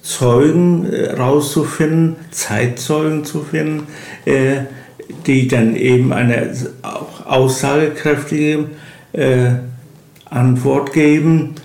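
A retired man in his 60s or older, the local chronicler of a village in eastern Germany, tells about his work as an interview guest, haltingly searching for words in unhurried storytelling. His voice is on the high side, steady, gravelly and somewhat dark. The recording is roomy and echoing.

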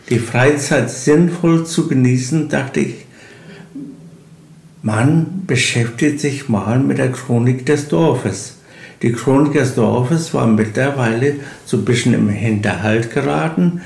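An older retired man from eastern Germany telling of his work in an interview, haltingly, searching for words. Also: mid-range voice, vocal fry, darkish tone. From village in eastern Germany. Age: 60s or older, retired. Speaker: local village chronicler, interview guest. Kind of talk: unhurried interview storytelling. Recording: roomy, echoing interview recording.

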